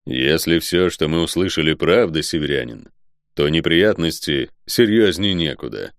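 A grave nobleman who speaks in a solemn, ominous tone, read by a male narrator. His voice sits low and measured, and the sound is close and dry. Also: sing-song, no echo.

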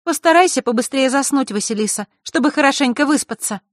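A man's voice: very high-pitched, a little fast, fairly bright tone, dry recording, clean studio sound, pitched above the performer's own voice. A man doing a chirpy young girl. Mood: cheerful.

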